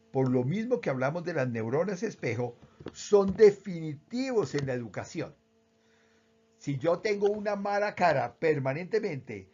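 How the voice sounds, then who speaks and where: A man with a Colombian accent, calmly explaining how emotions work with everyday examples. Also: fairly high pitch, highs cut off. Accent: Colombian Spanish. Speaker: speaker on emotional education. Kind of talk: explanatory talk.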